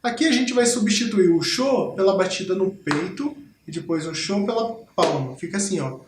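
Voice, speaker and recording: A man's voice: high voice, animated, moderate pace, echoey room, background noise. A Brazilian Portuguese-speaking man teaching a school rhythm lesson, explaining patiently and demonstrating body percussion.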